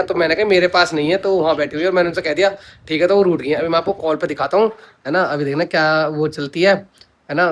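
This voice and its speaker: A man's voice: a little high, slight background noise. Playful man vlogging casually. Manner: playful, teasing, stubborn on the call. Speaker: vlogger, husband. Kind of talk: casual vlog narration and phone call.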